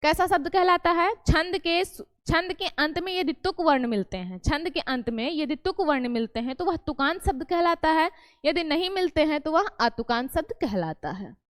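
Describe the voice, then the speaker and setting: A woman's voice: sits high, expressive, moderate pace, dry recording. A woman teaching a Hindi grammar lesson, repeating each point and quizzing the class with questions she answers herself. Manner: self-correcting, explains patiently.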